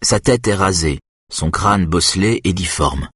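A man reading a thriller audiobook in a steady, measured narration. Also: low voice, slightly rough, no room sound, clean studio sound.

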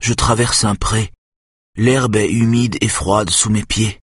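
A man reading aloud, voicing a shaken, guilt-ridden male patient who talks haltingly. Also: on the low side, fairly even intonation, husky, no room sound, studio quality, pitched above the performer's own voice. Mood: dazed.

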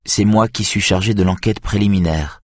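A man reading an audiobook, voicing a tired but determined young woman detective with quiet, clipped replies in a husky voice. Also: on the low side, moderate pace, no room sound, clean studio sound, pitched above the performer's own voice, natural voice. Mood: tired, firm.

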